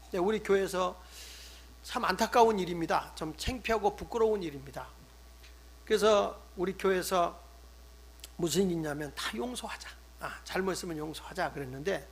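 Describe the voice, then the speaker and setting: An older man, a pastor, preaching a sermon, swinging between loud emphatic stresses and hushed asides. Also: high voice, husky. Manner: acts out scolding quotes in conversational tone.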